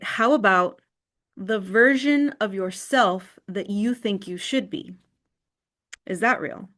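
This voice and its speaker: A woman's voice: medium pitch, fairly bright tone. A woman leading an online wellness workshop in a screen recording of a video call. She talks conversationally and often checks in with "right?".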